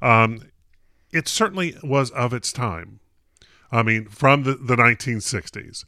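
A man's voice: mid-range voice, measured pace, pushed and bright, clean tone, no echo. A man co-hosting a podcast in casual chat, delivering jokes with dry, wry humor. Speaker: podcast co-host.

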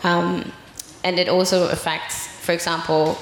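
A woman lecturing in a measured, explanatory manner in an echoey room. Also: fairly low pitch, little pitch movement, slight background noise. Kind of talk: presentation talk.

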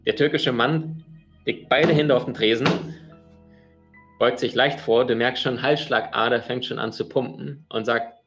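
A man who works as a personal coach, telling an anecdote in a lively way and acting out the people in it. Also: medium pitch, unhurried, faint music behind. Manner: lively storyteller who acts out the people he quotes. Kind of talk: anecdotal storytelling.

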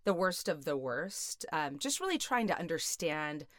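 A woman's voice: low-pitched, big pitch swings, normal speed, no room sound, studio quality. A middle-aged woman speaking as an expert guest, explaining things conversationally in an interview. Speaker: guest expert, criminal psychologist.

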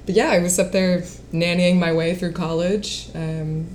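A woman in her late twenties who sings, writes songs and acts chats through a casual interview, laughing frequently and using fillers. Her pitch is fairly low and her intonation fairly even, a little slow and a little mellow, with slight background noise.

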